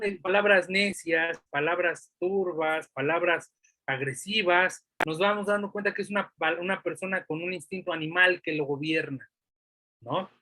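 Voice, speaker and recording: A man with a Mexico City accent teaches an online class, tossing out rhetorical questions and tagging his points with "¿no?". His voice sits high and sounds bright and forceful. It is recorded dry and close, with no room sound. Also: no room sound. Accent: Mexico City Spanish.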